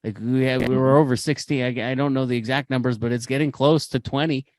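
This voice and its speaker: A man's voice: medium pitch, steady tone, quick pace, no echo. A man hosting a podcast, pressing his points with preachy conviction and hammering phrases through repetition. His voice sits in an ordinary middle register. The sound is close and dry, with no room around it. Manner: impassioned, preachy, repeats phrases for emphasis. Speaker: podcast host. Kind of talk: motivational podcast talk.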